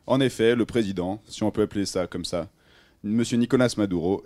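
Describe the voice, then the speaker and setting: A man's voice: mid-range voice, a little mellow, no echo, natural voice. A young man playing a self-assured male politician, addressing the nation in a solemn, proud speech on student radio. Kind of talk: student radio role-play.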